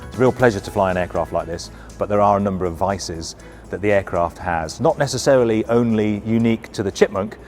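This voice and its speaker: A middle-aged or older man giving an informal, hands-on briefing as a flight instructor, explaining in a halting, self-correcting way. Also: on the low side, a little mellow, soft background music.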